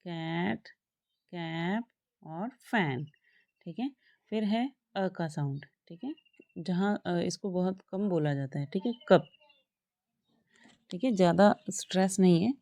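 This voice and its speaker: A woman's voice: lowish voice, warm tone, no echo. A woman teaching phonetics, patiently repeating example words one by one. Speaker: English teacher. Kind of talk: classroom phonetics lesson.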